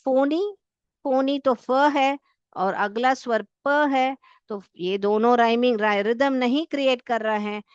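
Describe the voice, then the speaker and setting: A woman teacher with an Indian accent explains alliteration. She reads example sentences slowly and sounds out the letters one by one, asking her students questions and answering them herself. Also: a little high, smooth, no echo, dull audio. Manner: addresses students as beta, asks and answers her own questions. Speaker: English teacher. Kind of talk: classroom lesson explaining alliteration.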